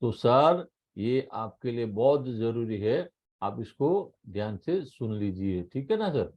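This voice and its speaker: A middle-aged man with an Indian accent giving a training talk on tax law, speaking slowly and emphatically, repeating key points and mixing Hindi with English. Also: medium pitch, animated, dull audio. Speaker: insurance trainer.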